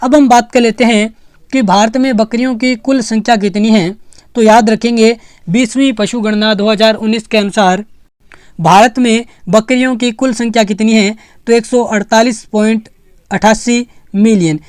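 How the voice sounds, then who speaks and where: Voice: medium pitch, steady tone, moderate pace, a little mellow, clear, resonant tone, no echo, studio quality. A teacher from Rajasthan, giving an online exam-prep lecture. The teacher keeps calling the students friends and repeats the key facts for them to remember.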